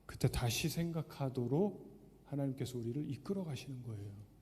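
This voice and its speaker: A man's voice: mid-range voice, lively intonation, normal speed, a little mellow, in a large hall. A male pastor preaching a sermon, acting out the voices of doubting believers as he goes. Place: church sanctuary.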